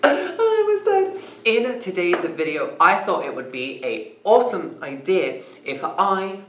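A woman's voice: fairly low pitch, expressive, measured pace, background noise. A young woman vlogging casually, playful, giggly and dramatic as she chats to the camera. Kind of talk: casual vlog chat.

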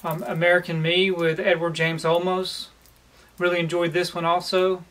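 A man in his forties talks in a relaxed, plain way, filling the gaps with um. His voice sits fairly high for a man. He sits at home in a room lined with shelves and speaks toward the camera. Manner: relaxed and plain, with frequent "um" pauses. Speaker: collector vlogger. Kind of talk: casual haul video.

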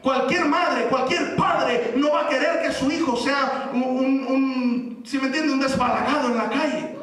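Brief: youth preacher, man, very high voice, chatty questions and shouted bursts, far off the mic in an echoey hall. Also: unhurried. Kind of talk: sermon.

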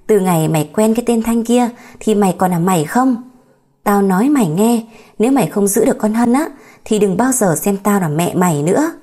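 A woman's voice: medium pitch, animated, brisk, warm tone, lightly acted. A woman voicing a harsh, controlling old mother in an audiobook story, dramatic and scolding.

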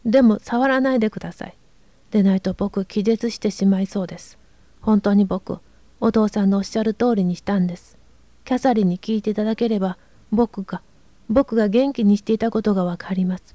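A woman's voice: medium pitch, a little fast, dark tone, no echo, lightly acted. A woman voicing a frightened sickly boy. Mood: pleading. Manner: gasping, pleading, half-whispered.

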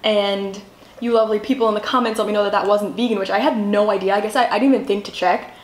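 Woman co-host for an eating vlog, relaxed and chatty, room echo. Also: mid-range voice, fast talker. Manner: chatty, relaxed, many "like" fillers. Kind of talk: casual chat over a meal. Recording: roomy echo.

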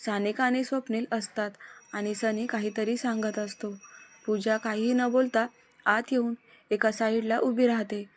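Lady reading a story out loud, steady, kinda high voice. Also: normal speed, a little hiss or hum. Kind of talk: audio story narration.

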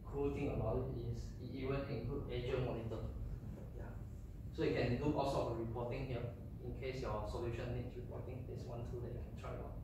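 A man's voice: medium pitch, little pitch movement. Singaporean man talking tech in an echoey classroom. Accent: Singaporean English. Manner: loose, chatty, with local particles and quick asides. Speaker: speaker at a developer meetup. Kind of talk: casual tech talk. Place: classroom with a projector screen. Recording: echoey room from far off, with background noise.

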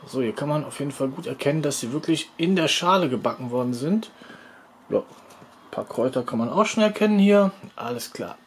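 A man's voice: medium pitch, animated, fairly quick, a little hiss or hum. A man hosting a food review video, talking casually as he narrates a taste test.

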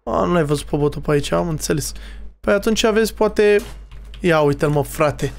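A young man giving casual, excitable gaming commentary, teasing other players and talking to his viewers. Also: fairly high pitch, gravelly. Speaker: streamer playing a Minecraft role-play server.

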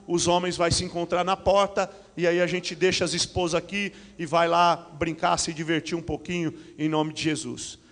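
A man's voice: high-pitched, a bit bright. A middle-aged man with a Brazilian Portuguese accent, a pastor giving church announcements and then preaching into a handheld microphone, with frequent amens and hallelujahs. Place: large church hall with curtains and stage. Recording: reverberant church hall.

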